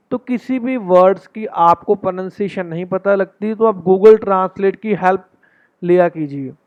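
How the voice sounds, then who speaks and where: A man teaching English pronunciation for an exam, slowly breaking long words into parts and repeating them. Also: high voice, smooth, no room sound. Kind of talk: Hindi-English exam coaching lesson. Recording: dry, tinny phone-like sound.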